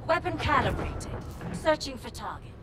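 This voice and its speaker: A woman voicing a robotic turret that calls out status in flat, clipped game readouts. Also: high-pitched, moderate pace, over loud music. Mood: mechanical. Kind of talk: video game callouts.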